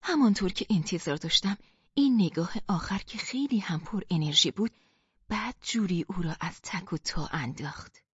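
A woman reading a first-person literary story aloud in a measured, wry storytelling manner. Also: fairly low pitch, expressive, husky, dry recording. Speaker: narrator. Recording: dull lo-fi recording.

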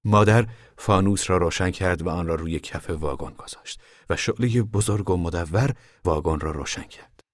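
A man reading a novel aloud as scripted narration, measured, dropping low and soft in descriptive passages. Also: no room sound, studio quality. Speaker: audiobook narrator.

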